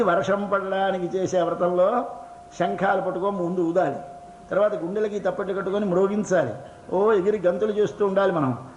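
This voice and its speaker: An older man with a Telugu accent gives a devotional discourse. He asks questions and answers them himself in quick bursts, then slows down on key words. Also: sits high, darkish tone. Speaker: religious discourse speaker. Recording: echoey hall, dull lo-fi sound, faint hiss.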